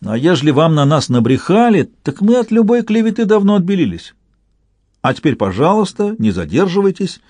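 A man's voice: sits high, sing-song, a little fast, darkish tone, dry recording, voice pushed up, full character voice. A man voicing a sly, wary middle-aged peasant husband with rustic, mock-sweet speech. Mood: sugary, defiant.

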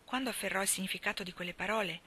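Bright-voiced woman reading a story aloud. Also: medium pitch, husky. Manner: measured expressive narration, dropping to whispers. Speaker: reader of stories. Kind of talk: literary reading.

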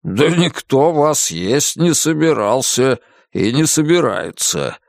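A reader doing a slow, courteous old dragon. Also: sing-song, gravelly, no echo, studio quality, heavily acted. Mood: reassuring. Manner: slow, deep, courteous drawl. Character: polite slow-spoken old male dragon, hospitable. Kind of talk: audiobook character voice.

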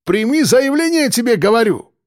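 Man doing a loud, excitable cafe owner. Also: very high-pitched, normal speed, dry recording, clean studio sound, voice pushed up. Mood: insistent. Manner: loud, pleading, gesturing. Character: hot-tempered middle-aged male cafe owner.

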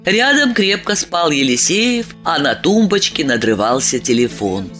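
A woman narrates an audiobook with a bright, clear-edged voice and a lively, widely moving pitch. Her reading is expressive and storyteller-like, pushing the tension along. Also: measured pace, soft background music.

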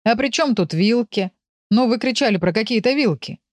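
A woman's voice: on the high side, animated, moderate pace, dry recording, studio quality, voice pushed up, close to an everyday voice. Woman voicing a jovial village man. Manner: jovial, folksy. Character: good-natured village man, curious neighbour. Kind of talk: audiobook character voice.

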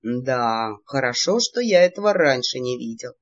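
Audiobook: woman plays a deadpan, teasing young male mage in a lowered voice. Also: slightly rough, heavily acted. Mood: dry teasing. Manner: dry, deadpan, slow. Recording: dull lo-fi recording.

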